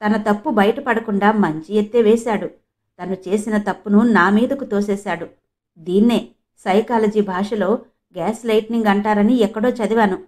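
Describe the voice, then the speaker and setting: A woman's voice: medium pitch, fairly even intonation, moderate pace, a little mellow. A woman from Andhra Pradesh narrating a novel in the first person with mournful, emotional storytelling. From Andhra Pradesh, India. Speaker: audiobook narrator.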